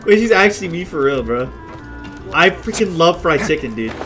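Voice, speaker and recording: A woman's voice: fairly low pitch, very animated, moderate pace. A woman streaming a game, giving casual, slangy, sweary and blunt reaction commentary. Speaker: gaming streamer. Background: loud game music.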